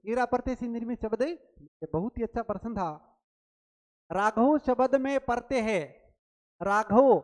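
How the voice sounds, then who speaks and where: A woman teaching a grammar quiz lesson, asking questions and answering them herself, repeating key words slowly. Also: a little high, darkish tone. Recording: long reverb, roomy sound.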